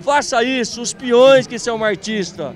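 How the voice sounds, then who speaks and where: Handheld mic in hand, a middle-aged Brazilian presenter covers a rodeo festival live, reporting and interviewing at booths and outdoor stalls. His very high-pitched voice carries a hyped, emphatic announcer energy, though his pace is unhurried, and faint music plays behind him.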